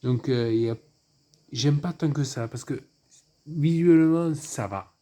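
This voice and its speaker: A man's voice: mid-range voice, a little slow, warm tone. A man giving a casual, rambling film review, full of asides and fillers.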